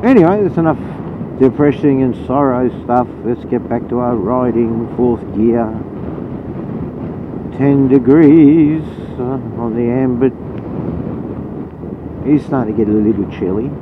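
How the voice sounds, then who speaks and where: Loud engine, wind and road noise roar behind an Australian vlogger riding his motorcycle, his voice muffled and narrow-band through the helmet. He speaks at a medium pitch, unhurried with long pauses, in a casual, blunt, wandering commentary.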